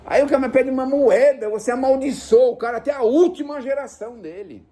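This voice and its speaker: A man giving an informal spiritual lecture to a live audience, animated and folksy. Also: extremely high pitch, brisk. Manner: animated, folksy, uses diminutives and acted asides.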